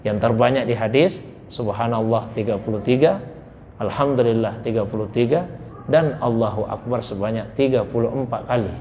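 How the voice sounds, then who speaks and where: A male teacher leads a tafsir lesson in a mosque. He draws out the Arabic verses in slow recitation and then explains them in everyday speech. His mid-pitched voice rings through the hall with a long reverb over a faint background hiss. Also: dark tone. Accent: Indonesian. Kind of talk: mosque Quran exegesis lecture.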